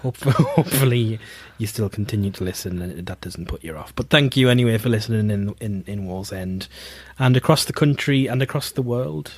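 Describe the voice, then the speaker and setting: A man's voice: lowish voice, a little fast, hardly any pauses. A man co-hosting a podcast in casual chat, rambling and jokey with lots of fillers. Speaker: podcast co-host.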